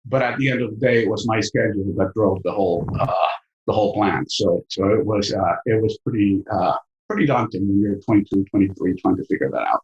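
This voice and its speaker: In an echoey room, a middle-aged Mexican-accented business school professor gives a podcast interview, reflective and full of fillers and repeated words. His fairly low, darkish voice moves briskly, and the recording sounds muffled.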